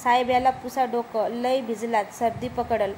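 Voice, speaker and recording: Woman doing a mysterious village lady, rustic talk, high voice, sure of herself. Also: fairly even intonation, moderate pace, darkish tone, a little hiss or hum, lightly acted. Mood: coaxing. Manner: rustic village dialect, coaxing and self-assured. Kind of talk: storybook reading.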